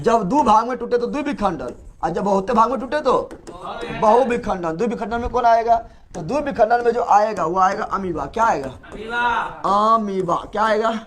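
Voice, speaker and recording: A male teacher gives a classroom lecture, asking a question and repeating the answer over and over. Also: high voice. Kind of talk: classroom lecture with call-and-response.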